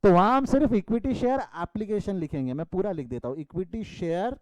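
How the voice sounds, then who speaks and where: A man's voice: high voice, expressive, a little fast, dry recording, poor audio. A male commerce teacher from India giving an online class lecture over a video call, calling students "beta" and scolding them playfully.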